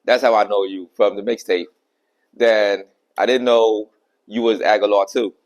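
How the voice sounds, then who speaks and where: Deep-voiced New podcast host. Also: male voice, fairly even intonation, moderate pace, highs cut off. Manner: conversational, brief "mm-hmm" listening cues. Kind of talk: casual interview chat.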